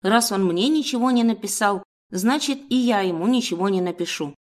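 A woman narrating a first-person story in scripted, measured storytelling. Her pitch sits in an ordinary middle range, and she keeps an even, steady delivery. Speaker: audiobook narrator.

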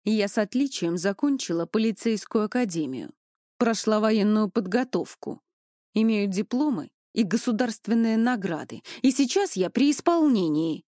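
A woman voicing a stern young female police officer who speaks firmly and crisply. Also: mid-range voice, lively intonation, normal speed, mellow, dry recording, clean studio sound, natural voice. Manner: firm, clipped, commanding.

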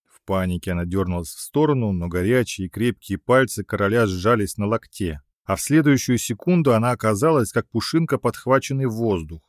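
A man reading a fantasy romance audiobook aloud in an expressive, dramatic way. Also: fairly low pitch, brisk, dry recording, studio quality. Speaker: audiobook narrator. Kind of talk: scripted narration of a fantasy romance.

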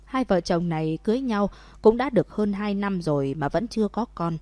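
A woman's voice: medium pitch, animated, fairly quick, darkish tone, no room sound, natural voice. A woman reading the lines of a cheerful, contented wife in a storybook.

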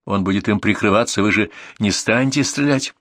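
A man voicing a stern male police investigator who gives curt, calm orders. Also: lowish voice, brisk, no echo, natural voice. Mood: calm command.

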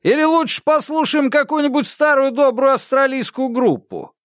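A male narrator voicing a contemptuous male DJ who taunts a crowd with drawn-out mocking questions. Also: extremely high pitch, a bit bright, no echo, clean studio sound, pitched above the performer's own voice. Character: sneering male stage DJ, contemptuous showman.

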